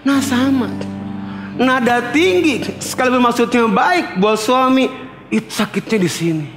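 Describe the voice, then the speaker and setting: Pria berkhotbah dengan suara tinggi, bergema. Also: male voice, extremely high pitch, measured pace, fairly bright tone, echoey room, soft background music. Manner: humorous, playful, mimics wives' voices. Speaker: pastor. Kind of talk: sermon. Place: church.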